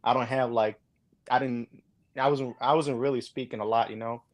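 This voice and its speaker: A man's voice: mid-range voice, fairly even intonation, moderate pace. A man with an Arabic accent speaks as a caller to a show. His delivery is casual and polite, with hesitant starts and repeated phrases as he explains himself. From Saudi Arabia. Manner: hesitant, repetitive, polite, addressing listener as brother. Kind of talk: casual conversational account.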